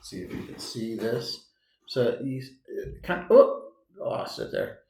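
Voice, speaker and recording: Man, home cook, casual chatty demo, thinks out loud, voice far from the mic, very roomy echo, faint background hiss. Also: medium pitch, sing-song, unhurried. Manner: chatty, thinks aloud, corrects himself. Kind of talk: casual cooking demonstration. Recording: very echoey room, mic far off.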